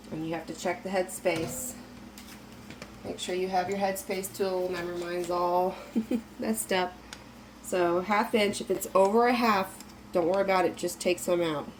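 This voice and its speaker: A woman getting over an illness, talking through a kitchen canning tutorial in a relaxed, instructive way and repeating reminders. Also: fairly low pitch, background noise. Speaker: home canning vlogger. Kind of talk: casual step-by-step kitchen tutorial. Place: home kitchen.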